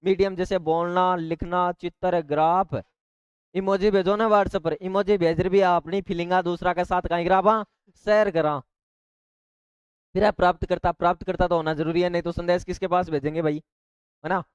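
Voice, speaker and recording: A man's voice: high-pitched, flat delivery, normal speed, clean tone, no echo, muffled recording. A male teacher, giving an exam-prep lecture and explaining each point with repeated rhetorical questions and asides.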